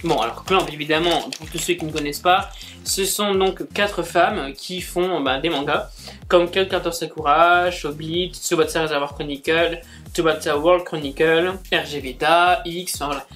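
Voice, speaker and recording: A man's voice: on the high side, fairly even intonation, moderate pace, fairly bright tone, soft background music. A man chatting casually as he unboxes gifts, gushing and exclaiming as he goes. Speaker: book and manga YouTuber.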